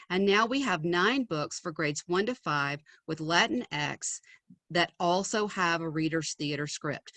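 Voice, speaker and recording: A woman's voice: fairly low pitch, a bit bright, no echo. A woman presenting an educational website in a webinar, upbeat and chatty, with frequent ums. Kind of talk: screen-share webinar demo.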